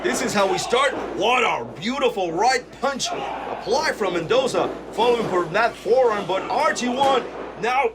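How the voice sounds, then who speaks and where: A man commentating on wrestling as an excitable lucha libre announcer, exclaiming at the action. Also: extremely high pitch, measured pace. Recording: noisy recording.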